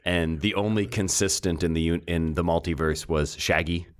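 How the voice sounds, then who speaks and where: A man with a very deep voice co-hosts a casual beer-tasting podcast. He talks in a laid-back, joking way, stretching out his stories with easy asides. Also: steady tone, normal speed. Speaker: podcast co-host.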